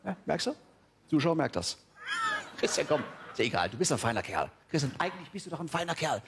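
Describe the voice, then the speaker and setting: A man acting out a conceited, none-too-bright television host on a cabaret stage. His voice sits a little high and swoops widely, bragging and talking down to a colleague, then bursting out loud. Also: big pitch swings, a little fast, background noise. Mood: patronizing. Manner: boastful, patronizing, loud outbursts. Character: vain, dim-witted male TV show host. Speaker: TV show host.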